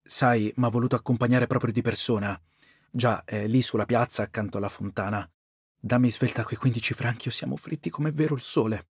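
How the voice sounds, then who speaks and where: A man's voice: high-pitched, very animated, brisk, no room sound, studio quality, voice pushed up. Man doing a tearful, theatrical teenage boy. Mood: hushed urgent. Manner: pleading, tearful, theatrical outbursts. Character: impulsive seventeen-year-old boy, emotional schemer.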